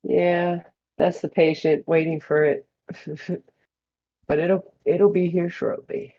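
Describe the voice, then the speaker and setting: A woman's voice: fairly low pitch, level tone, takes it slowly. A woman streaming a mobile game at home, chatting casually and giving a running commentary on her rewards. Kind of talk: casual chat while playing. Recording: muffled lo-fi.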